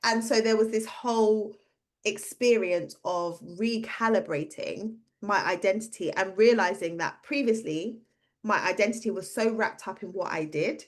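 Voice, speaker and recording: A woman's voice: medium pitch, a little slow. A woman in her thirties, a career coach and podcast host, telling a personal story in casual conversation and acting out the voices she quotes.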